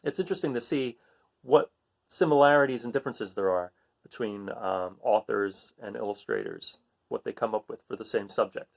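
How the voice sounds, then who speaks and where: This man speaks at normal speed in a lowish, creaky voice while reading picture books aloud to kids. Expressive throughout, he plays up the sound words and offers plain, friendly asides to his young audience.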